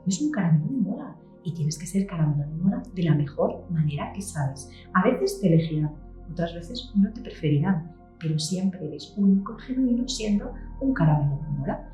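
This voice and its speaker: A woman voicing a wise, gentle female candy fairy in a children's story, calm and reassuring. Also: fairly low pitch, moderate pace, faint music behind, close to an everyday voice. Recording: roomy echoing room.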